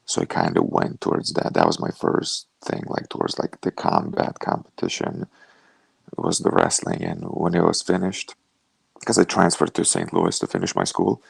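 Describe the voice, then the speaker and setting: A young man from Lithuania, a fighter telling his story over a video call in a relaxed, rambling way with lots of "like". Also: a bass voice, moderate pace, creaky, husky, no echo. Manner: relaxed storytelling, many "like" fillers. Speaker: guest, professional fighter.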